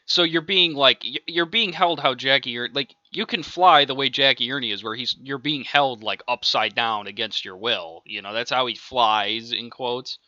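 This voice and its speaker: This dull, lo-fi, dry home recording has an amateur audiobook reader casually telling his own improvised story, rambling and chuckling between lines. His mid-range voice is sharp, at a normal speed with hardly any pauses.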